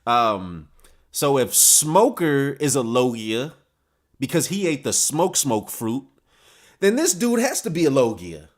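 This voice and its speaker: A young man hosting a live manga discussion, reacting excitedly in slangy casual talk as he reads along. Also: medium pitch, slow. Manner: excitable, slangy, jumps between reading and ranting.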